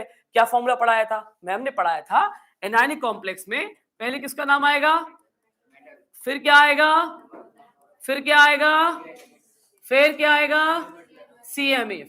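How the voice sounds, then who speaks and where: Her voice sits high with a sharp edge as this Hindi-accented woman teaches a chemistry class. She fires questions at students and answers them herself, slipping into playful impressions of confused pupils.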